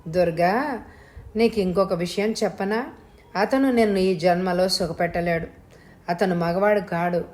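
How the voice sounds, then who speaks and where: A woman's voice: on the low side, measured pace, long pauses, darkish tone, soft background music, close to an everyday voice. Woman voicing a leering villainous uncle. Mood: taunting. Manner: taunting, domineering. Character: lecherous middle-aged male uncle, mocking villain.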